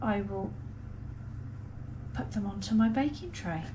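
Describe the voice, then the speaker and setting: Slow-paced woman chatting through home baking. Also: mid-range voice, lively intonation. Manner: chatty, unhurried step-by-step commentary. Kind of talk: casual chatty baking vlog. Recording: clear background noise, room ambience.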